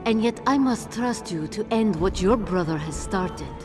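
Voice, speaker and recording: A woman playing a solemn, detached female video game character who delivers grave lines in a monotone, emotionless way. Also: mid-range voice, unhurried, natural voice. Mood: solemn, flat. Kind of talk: scripted video game dialogue. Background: clearly audible music.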